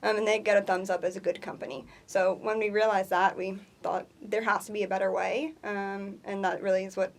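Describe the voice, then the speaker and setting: A woman with a mid-range voice talks through her answers in an upbeat, explanatory way. She fills her pauses with frequent ums as an interview guest. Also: medium pitch, flat delivery. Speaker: co-founder guest. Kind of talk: conversational interview.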